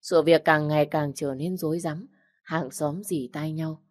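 A woman narrating an audiobook story in a steady storytelling manner. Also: low voice, unhurried, no echo, clean studio sound. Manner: steady storytelling, voicing every character.

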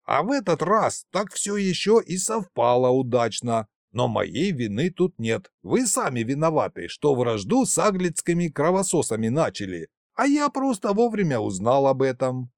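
A man's voice: medium pitch, sing-song, normal speed, gravelly, few pauses, no room sound. A man voicing a sly, fat old male trickster spirit who whines and pities himself in a folksy way. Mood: whining. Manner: self-pitying, wheedling, folksy.

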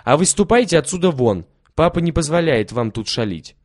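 A man's voice: on the high side, wildly swooping pitch, a little fast, darkish tone, husky, no room sound, studio quality, voice pushed up, heavily acted. A man voicing a bold, kind little rich girl in a storybook reading, in a raised, insistent voice. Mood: commanding.

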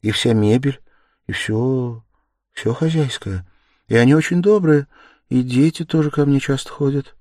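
A meek, timid young woman, voiced by a male audiobook reader, speaks softly and hesitantly, her tone lifted far above his own low register. Her words come in small, unsure pieces that swell into tearful pleading. The recording is dry and close. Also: a little slow, dry recording, close to an everyday voice. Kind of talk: audiobook character reading.

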